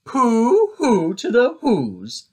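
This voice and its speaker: A man voicing a sly, gloating grinch for a children's storybook, with smug, oily, drawn-out phrasing. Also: very high-pitched, wildly swooping pitch, mellow, pitched above the performer's own voice, full character voice. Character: sly, gloating grinch posing as a kindly Santa.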